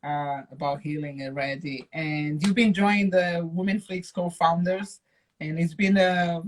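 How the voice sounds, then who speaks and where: A woman from Portugal hosting a live video call from home, chatty and quick to laugh. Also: on the low side, fairly even intonation, slight background noise. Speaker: live-stream co-host. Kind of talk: casual live-stream chat. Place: at home in London.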